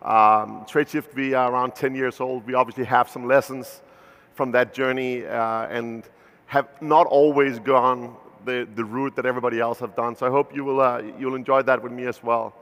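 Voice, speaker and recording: Speaking at medium pitch with a steady, slightly bright tone and moderate pace, a company founder from Denmark, in his thirties, gives a keynote on a big conference stage. His delivery is loose and full of fillers and false starts, wrapped in long reverb from the hall.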